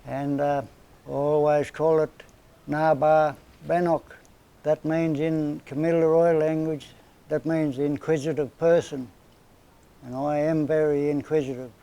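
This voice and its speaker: A community elder in his seventies from northern New South Wales tells stories of his life in an interview, his Australian accent carrying a slightly high, clear, resonant tone at an unhurried pace. He's plain-spoken and relaxed, rambling through his stories with everyday slang in casual conversation.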